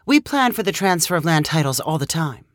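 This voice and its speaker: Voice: mid-range voice, very animated, fairly quick, no room sound, clean studio sound, close to an everyday voice. A reader voicing a wry woman lawyer. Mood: patient. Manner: wry, mildly teasing. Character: dry, unimpressed woman lawyer. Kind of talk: storybook reading.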